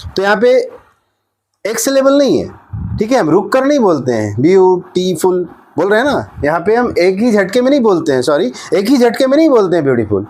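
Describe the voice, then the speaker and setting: Chatty man teaching grammar, fairly high voice. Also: very animated, brisk, a little mellow. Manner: repeats "ठीक है ना" often, asks and answers his own questions. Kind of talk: explaining a grammar lesson.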